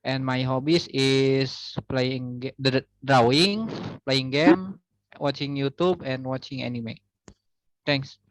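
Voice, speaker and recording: A man's voice: mid-range voice, steady tone, slow pace, no room sound. Young Indonesian male student, self-intro, dry close sound, video call. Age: young adult.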